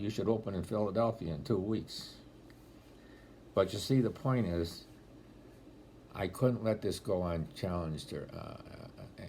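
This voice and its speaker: An octogenarian man from the Rochester, New York area speaks in a deep voice as a deacon giving a homily-style talk, telling stories with gentle, dry humor. He was filmed at close range on a laptop webcam in a room at home, with slight background noise.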